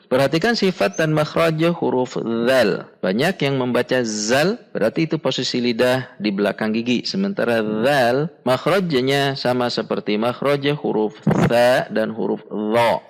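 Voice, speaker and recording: A man teaching Quran recitation, patiently spelling out syllables and chanting words slowly and deliberately. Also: medium pitch, gravelly. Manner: patient, instructive, repeats corrections. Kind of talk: step-by-step tajwid lesson.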